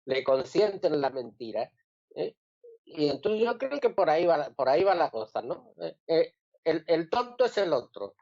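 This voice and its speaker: A man's voice: on the high side, sing-song, normal speed, creaky, darkish tone, no room sound, highs cut off. A man reasoning aloud in political analysis on a radio panel, checking in with listeners as he goes. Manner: reasoning aloud, tags lines with "¿sí?" and "¿eh?".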